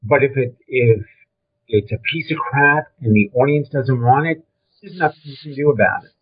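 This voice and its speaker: Heard through thin, phone-like call audio, an older man with a Brooklyn accent reminisces about his career as a film trailer and design veteran. He speaks at a normal pace in a slightly rough, medium-pitched voice, emphatic, blunt and conversational as an interview guest.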